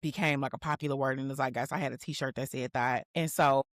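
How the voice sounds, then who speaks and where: A woman's voice: very deep voice, quick pace, no echo, clean studio sound. A woman co-hosting a casual podcast, chatting playfully and animatedly, often breaking into quoted lines. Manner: animated, playful, bursts of laughter and rapped quotes. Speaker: podcast co-host. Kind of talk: casual chat.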